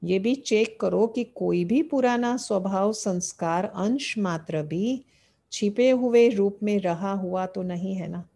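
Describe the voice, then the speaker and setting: A woman gives a devotional talk in a mellow, warm voice. She poses questions to her listeners and answers them, returning again and again to the same phrases. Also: medium pitch, slow pace, creaky. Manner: asks rhetorical questions and answers them, repeating key phrases. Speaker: spiritual teacher. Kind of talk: devotional sermon explaining scripture.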